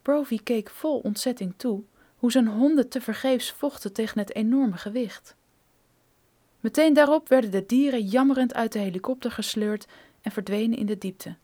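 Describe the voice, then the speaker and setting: A woman reading a thriller audiobook in a steady, measured storytelling manner. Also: a little high. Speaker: narrator.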